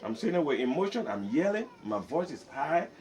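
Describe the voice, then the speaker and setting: A man's voice: fairly high pitch, sing-song, a little fast, darkish tone. An older man gives an impassioned speech at a community meeting, pressing his points, repeating words and slipping into a local language. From Liberia.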